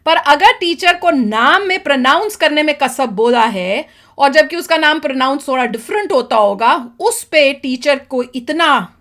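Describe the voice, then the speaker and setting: A woman's voice: sits high, animated, measured pace, fairly bright tone. A woman from India hosting a reaction vlog, chatting and speculating aloud, mixing in English. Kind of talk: casual commentary in Hindi mixed with English.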